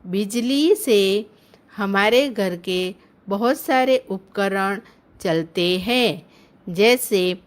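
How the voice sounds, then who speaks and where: A woman teaching children in an online lesson, sounding out words syllable by syllable in a gentle, explaining tone. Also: mid-range voice. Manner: drawn-out, careful syllable-by-syllable pronunciation. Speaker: primary school teacher.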